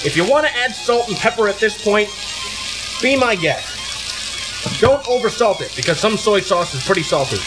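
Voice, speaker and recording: An irreverent, tipsy cooking host whose pitch swings around in a lively way while giving casual, profane instructions. The delivery is brash and playful, with clear music and a sizzling pan behind it. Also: quick pace, few pauses. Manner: tipsy, drunk. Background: music and frying sizzle.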